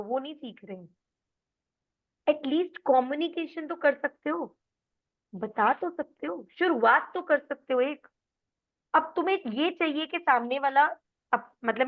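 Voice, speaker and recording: An Indian-accented woman coaches her listeners in an animated talk, acting out what her clients say. Her voice sits a little high. The sound is thin and tinny, like a phone line. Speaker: life coach. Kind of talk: motivational talk to an audience.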